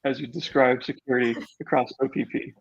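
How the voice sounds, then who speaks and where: A man's voice: mid-range voice, fairly even intonation, a little fast, vocal fry, lo-fi sound. A man appearing as a guest on a tech podcast, chatting in an easygoing, enthusiastic way. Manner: enthusiastic, easygoing, laughs often. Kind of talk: casual tech chat.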